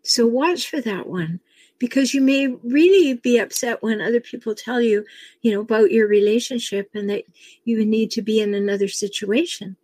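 A somewhat high, darkish voice with a breathy edge comes from an older woman speaking at a moderate pace, with no room sound. As a relationship coach, she offers heartfelt advice and personal anecdotes, chuckling here and there during her stories.

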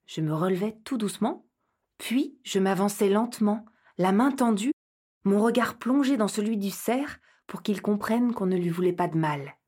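Woman storyteller, first-person children's narration, lively, slightly husky. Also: medium pitch, moderate pace.

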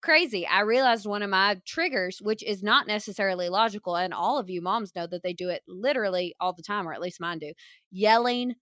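A woman's voice: medium pitch, brisk, pushed and bright, dry recording, clean studio sound. A woman in her thirties hosting a podcast, chatting casually and animatedly about her kids, laughing often. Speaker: podcast host. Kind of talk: casual chat.

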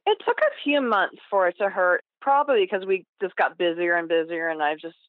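A woman's voice: fairly low pitch, expressive, fairly quick, no room sound. Woman in her fifties over the phone. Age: 50s. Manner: plain, chatty, loose with fillers like "like" and "you know". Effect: heard over the phone. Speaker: caller to a cooking radio show. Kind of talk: casual call-in chat. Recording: tinny dry phone line.

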